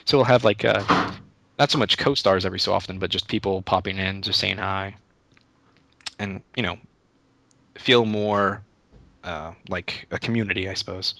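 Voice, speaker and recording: A man's voice: deep voice, normal speed, creaky, long pauses, bright, forceful tone, dry recording. A young man answering interview questions in a casual, rambling way, often restarting his sentences. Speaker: YouTube Let's Play creator, interview guest.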